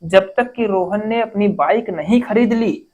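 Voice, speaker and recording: A woman teaching an exam-prep grammar lesson, explaining step by step, asking questions and answering them herself, and reading example sentences slowly. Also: mid-range voice, darkish tone, dull audio. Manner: reads English sentences slowly, word by word.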